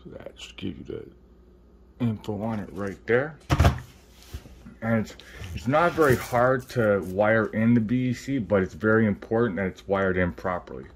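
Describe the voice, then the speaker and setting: Still swollen from surgery, which muffles his words slightly, the RC hobbyist host walks through a relaxed how-to at his indoor workbench. He speaks a little slowly in a lowish voice, with slight background noise in the recording.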